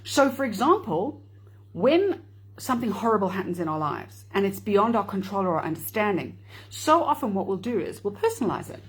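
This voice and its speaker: A woman's voice: mid-range voice, sing-song, brisk, slightly rough. A woman hosting a live video talk, chatting and explaining with wry asides. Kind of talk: casual talk to camera.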